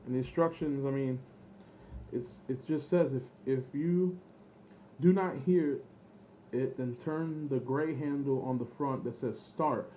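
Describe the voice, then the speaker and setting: An online seller demos vintage electronics off the cuff, his mid-range male voice moving at a measured pace as he thinks aloud. He sounds hesitant, rambling and full of self-doubt. The lo-fi camera audio is dull, with noise in the background.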